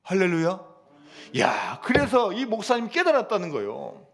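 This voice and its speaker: A man preaching a sermon as pastor, telling a story with lively acted-out prayers and dialogue. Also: high-pitched, moderate pace, vocal fry. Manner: animated storytelling, acting out quoted prayers and dialogue. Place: church.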